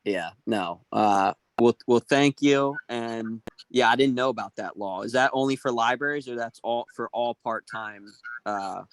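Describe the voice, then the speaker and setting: A man's voice: medium pitch, measured pace, dry recording, poor audio. A man moderating a community meeting, talking casually with many fillers and a friendly, hesitant manner.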